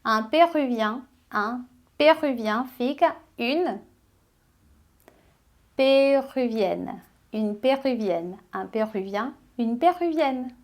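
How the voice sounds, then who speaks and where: Woman teaching French, slightly high voice. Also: expressive. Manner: slow, carefully repeated French examples between casual Portuguese explanations. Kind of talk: online language lesson.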